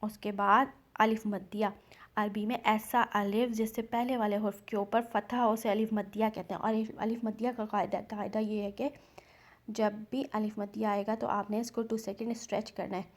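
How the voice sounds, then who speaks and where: A woman teaching Quran recitation, patiently explaining each rule and stretching out example words slowly. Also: medium pitch, level tone. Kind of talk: step-by-step recitation lesson.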